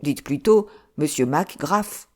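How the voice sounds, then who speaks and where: A suspicious foreign baron, read by a woman, low, slow and cold. The tone is dark and clipped. He is an audiobook figure who keeps his distance. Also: lively intonation, full character voice. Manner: cold, curt.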